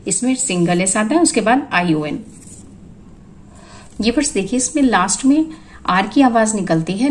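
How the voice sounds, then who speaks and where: Woman going through spelling lists, word by word, steady teacher voice. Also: medium pitch, low-quality recording. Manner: lists words one by one, explaining rules. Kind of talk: spoken spelling lesson.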